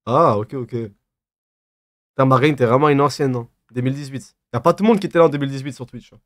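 A live streamer in his twenties talks fairly quickly in a mid-range voice, lisping on his s sounds as he teases his chat and responds to comments in slangy banter. The recording is dry, and he sits at a desk in a small, dim room.

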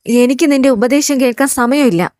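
A woman's voice: sits high, normal speed, darkish tone, dry recording, studio quality, close to an everyday voice. A woman reading the part of a hurt, defensive young single mother who curtly sends a man away. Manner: curt, dismissive.

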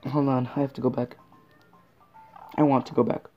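A woman's voice: rumbling low, level tone, moderate pace. A woman gaming YouTuber giving let's-play commentary, easily exasperated and groaning at the game. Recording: dull lo-fi recording with game music. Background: video game music.

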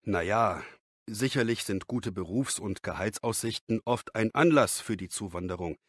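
A man reading the part of an expert being interviewed in a scripted lesson dialogue, measured and explanatory. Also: fairly low pitch, fairly bright tone, husky, dry recording.

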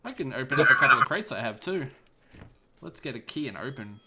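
A streamer chatting casually while gaming, excitable and quick to grumble or gush. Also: mid-range voice, a little hiss or hum. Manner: excitable, swings between grumbling and gushing. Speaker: streamer playing a team shooter.

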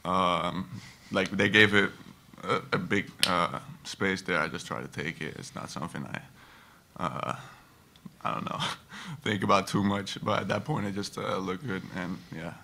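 Young man, gravelly low voice, halting answers. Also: pushed and bright. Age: young adult. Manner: halting, many fillers and restarts. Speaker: college basketball player. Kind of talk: press conference answers. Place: press conference room. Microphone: table microphone.

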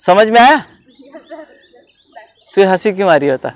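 High-voiced cricket coach instructing students. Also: male voice, expressive, measured pace, poor audio. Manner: instructive, repeatedly checks understanding. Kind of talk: outdoor coaching demonstration.

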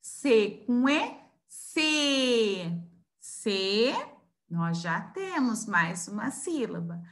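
A woman's voice: medium pitch, very animated, takes it slowly. A Brazilian woman teaching young children, sounding out words syllable by syllable and stretching each sound. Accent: Brazilian Portuguese. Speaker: preschool teacher. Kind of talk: recorded online lesson for young children.

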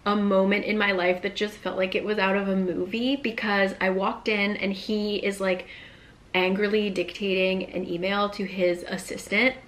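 A young woman talks straight to her camera from a small apartment, rambling happily through a story with plenty of "like" and "um". She sounds close and natural, her pitch sitting in an ordinary middle range. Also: moderate pace. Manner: chatty, many "like" fillers, animated hand gestures. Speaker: vlogger. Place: small apartment room, indoors.

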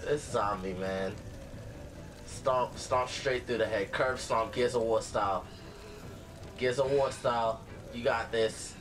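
A man's voice: mid-range voice, takes it slowly, noisy background. A man giving let's-play commentary, talking back at the screen and cheering the character on. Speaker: gaming channel host.

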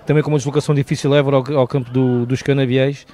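A man's voice: medium pitch, little pitch movement, quick pace, dark tone. A man with a European Portuguese accent giving football match commentary and analysis, often rephrasing his points. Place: outdoors at a football ground.

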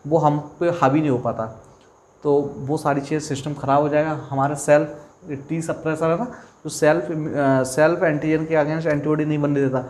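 Higher-voiced male biology teacher. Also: level tone, normal speed, a little mellow, slight background noise. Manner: asks questions and answers them himself, repeats key terms. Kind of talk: exam-prep lecture.

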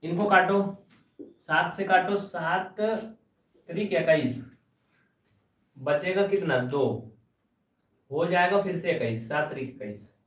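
A man teaching maths to a live online class in a roomy, echoing space, standing back from the mic. His voice sits fairly high for a man. He coaxes the children for answers and teases the latecomers and the quiet ones. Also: slow, long pauses, distant mic. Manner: teasing, addresses students as children, coaxing answers.

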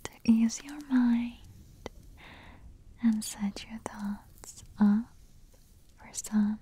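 A woman voicing a playful, teasing witch matchmaker in an ASMR roleplay, whispering softly and giggling. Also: fairly high pitch, slight background noise.

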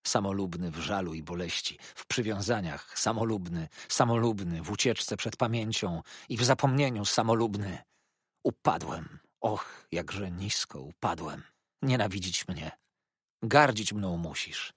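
A man's voice: low-pitched, a little slow, fairly bright tone, husky, no echo, studio quality, heavily acted. A man voicing a despairing older father who laments his fall in a pleading, grief-stricken way. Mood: lamenting. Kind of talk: audiobook character voice.

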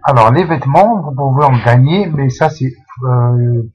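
Slow, hesitant man walking through a game. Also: mid-range voice, a little mellow, breathy edge, lo-fi sound. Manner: hesitant, full of fillers and restarts. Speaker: channel host explaining a game. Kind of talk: casual screen-recorded game tutorial.

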